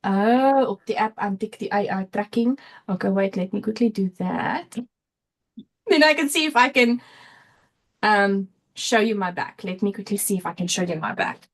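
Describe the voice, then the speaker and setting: A woman's voice: mid-range voice, moderate pace. A South African woman hosting a casual livestream, chatty and thinking aloud as she reads out viewer comments. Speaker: livestream host and crafter. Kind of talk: casual live chat, reading out viewer comments.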